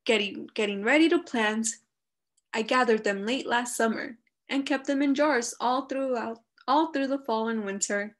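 A woman's voice: fairly high pitch, normal speed, lightly acted. A woman voicing a perfectionist male badger gardener in a storybook, earnest and careful about order. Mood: eager.

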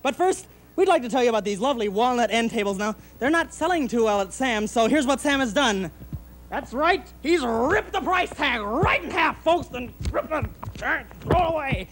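A young man playing a fast-talking TV furniture pitchman in a comedy sketch, hard-selling, flustered and bursting into shouts, on a handheld mic in a TV studio. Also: animated, slight background noise. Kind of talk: parody local TV furniture commercial. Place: TV studio set. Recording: 1960s TV broadcast.

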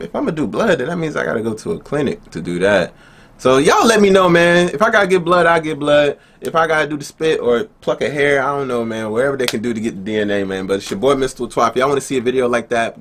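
A man's voice: on the low side, fairly bright tone. A young man from Nigeria hosting a reaction video, chatting casually and upbeat, talking straight to his viewers as family, in a small indoor room. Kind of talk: casual chat.

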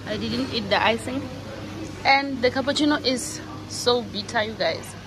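A woman's voice: a little high, moderate pace, noisy background. A woman vlogging casually from restaurants, chatty and laughing often as she rates her food. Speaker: vlogger and lawyer. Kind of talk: casual vlog chat. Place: restaurants and cafes.

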